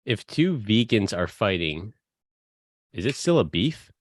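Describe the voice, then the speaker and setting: A man's voice: on the low side, big pitch swings, a little slow, no echo. A man co-hosting a podcast, trading jokes in casual banter. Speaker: podcast co-host. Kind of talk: casual joke-telling banter.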